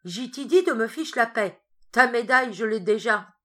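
A woman voicing a surly wounded male soldier in a storybook reading, speaking gruffly and loudly. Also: fairly high pitch, expressive, moderate pace, voice pushed up. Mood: angry. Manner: gruff, shouting, annoyed.

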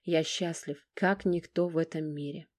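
A woman narrates an audiobook in the first person with a wry, conversational manner. Her voice sits fairly low and sounds dark and mellow. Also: fairly even intonation, normal speed.

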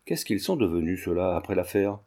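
A man's voice: low-pitched, sing-song, a little fast, mellow, pitched below the performer's own voice, heavily acted. A man voicing a shrewd, forthright elderly lawyer who speaks bluntly, in a storybook reading. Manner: blunt, exclaiming.

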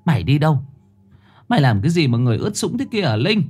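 A man's voice: fairly high pitch, big pitch swings, quick pace, darkish tone, husky, voice pushed up. A man voicing a worried middle-aged village mother who fusses and pleads urgently, with faint music behind. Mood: anxious scolding.

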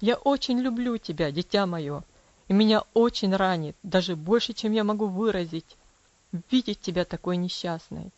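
A woman voicing a strict, cold father who speaks in a low, commanding, measured voice in an audiobook. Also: dry recording, lo-fi sound, natural voice. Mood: tender. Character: stern cold father, strict then tender.

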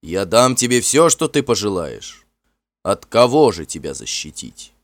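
A man voicing a proud, warm-hearted warrior chief who speaks in forceful, ringing declarations in a storybook reading. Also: on the low side, big pitch swings, a little slow, dry recording. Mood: kindly.

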